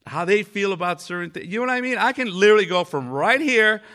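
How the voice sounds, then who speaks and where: A man from Mexico giving a conversational church sermon, earnest and halting as he speaks. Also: high voice, expressive, bright, forceful tone. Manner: earnest, halting with frequent fillers. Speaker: pastor.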